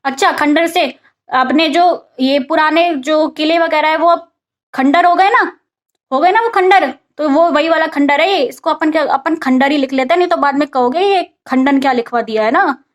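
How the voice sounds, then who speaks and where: A woman's voice: high voice, moderate pace. A woman teaching English vocabulary in a casual spoken lesson, asking and answering her own questions. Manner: mixes English vocabulary into Hindi explanation.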